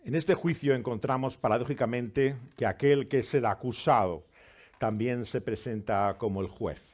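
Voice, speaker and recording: A man's voice: mid-range voice, normal speed, a little mellow. A man who reads a scripture passage with dramatic rises and falls, then preaches earnestly as pastor. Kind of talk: scripture reading and sermon.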